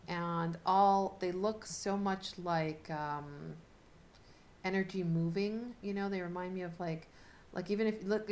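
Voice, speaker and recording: A woman giving a casual, unscripted tarot reading as host, talking in a chatty, halting way as she thinks aloud. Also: on the low side. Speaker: tarot card reader hosting a video reading. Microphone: camera set up in front of the speaker. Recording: noticeable background noise with clicks.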